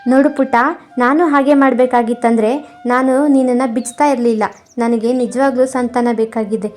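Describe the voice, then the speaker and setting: Woman doing a kind, gentle rescuer man. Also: fairly high pitch, steady tone, moderate pace, faint music behind, natural voice. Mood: gentle, concerned. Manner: gentle, coaxing. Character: kind childless man who rescues a boy.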